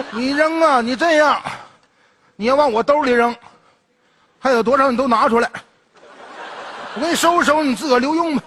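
An actor playing a stingy, loud-mouthed rural cousin visiting the city, teasing and quick-witted in a Northeast Chinese accent. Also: male voice, very high-pitched, breathy edge, big-room sound, exaggerated voice. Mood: bantering. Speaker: comedy sketch performer. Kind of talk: comedy sketch dialogue.

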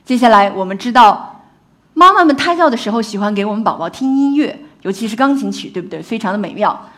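A woman scientist giving a public talk on infant language learning in a lively, engaging way, often putting questions to the audience. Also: on the high side, fast.

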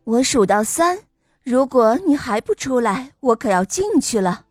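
A woman voicing a calm, knowing mother frog who opens her lines with a gentle, drawn-out oh. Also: a little high, no echo, studio quality, faint music behind. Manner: gentle, drawn-out 'oh' openings.

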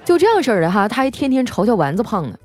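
A woman's voice: fairly high pitch, very animated, racing, darkish tone, soft background music. A female podcast host telling comic stories in a chatty, teasing way. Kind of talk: comic storytelling.

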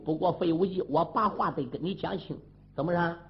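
A man's voice: on the high side, fairly quick, dull audio, noisy background, close to an everyday voice. A man voicing a scheming old court official who is a villain, menacing and gloating.

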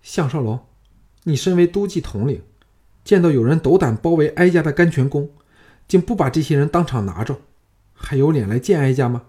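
Storybook empress dowager, cold and scornful, mellow tone , man reads her. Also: mid-range voice, moderate pace, pauses often, natural voice. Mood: indignant. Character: haughty angry empress dowager, middle-aged woman.

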